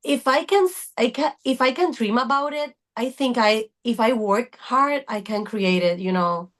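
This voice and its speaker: This fitness coach in her thirties, guesting on a podcast, has a fairly high, fairly bright voice at normal speed. The conversation is casual interview talk, and she comes across as earnest while she hunts for her words.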